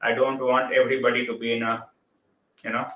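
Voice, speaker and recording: Man, Indian English accent, casual live-stream host, chatty, bright voice, roomy echo. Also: medium pitch, little pitch movement, brisk. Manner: chatty, mixes Hindi into English, reads out and greets viewers by name.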